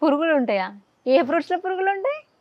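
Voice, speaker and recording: A woman interviewing a child in a casual chat, coaxing answers out of them with quick questions. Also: very high voice, sing-song. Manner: coaxing, rapid-fire questions. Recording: dull lo-fi dry sound.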